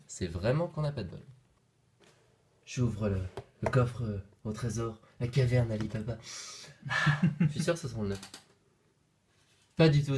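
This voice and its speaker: A young man chats his way through opening a box of toys. He talks in a loose, joking way, filling the gaps with asides and fillers. His voice sits at a middle pitch. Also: a little mellow, slight background noise. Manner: playful, jokey, rambling with fillers. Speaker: vlogger unboxing toys. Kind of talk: casual chat.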